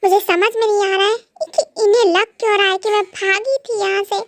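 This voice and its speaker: A woman's voice: extremely high pitch, flat delivery, a little fast, dry recording. A woman voicing a frightened young wife in an amateur fan dub, pleading tearfully and stammering.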